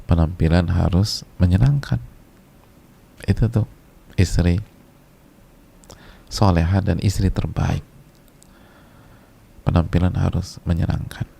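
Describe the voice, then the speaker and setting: A man's voice: low voice, fairly even intonation, slow, vocal fry, pauses often, warm tone, slightly rough. A male preacher giving a casual religious lecture, talking conversationally, repeating key phrases for emphasis and sometimes chanting short religious verses.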